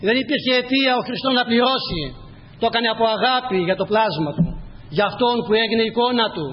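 High-voiced preacher man in echoey church. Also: muffled recording, a little hiss or hum. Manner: repetitive exhortations, direct address to listeners. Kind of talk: sermon with scripture reading.

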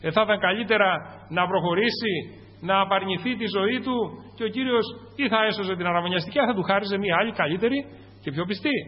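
Greek guy preaching hard, loud then quiet, kinda muffled lo-fi sound in a big echoey church. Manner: fervent, swings between loud peaks and low asides. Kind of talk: sermon. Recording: muffled, echoing church recording.

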